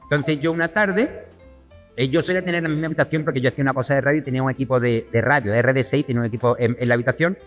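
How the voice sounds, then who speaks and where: A man telling a lively anecdote as a talk show guest, acting out the voices of the people in his story. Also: mid-range voice, racing, big-room sound, faint music behind.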